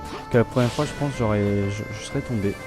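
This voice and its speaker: A man's voice: lowish voice, fast talker, music in the background. Chatty man commenting on his gameplay. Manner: chatty, relaxed, often restarts his sentences. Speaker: let's play host.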